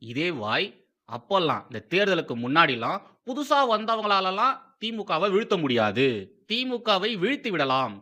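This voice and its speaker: A man's voice: sits high, big pitch swings, normal speed, sharp tone. A man hosting political commentary, mocking and sarcastic, who repeats phrases for emphasis.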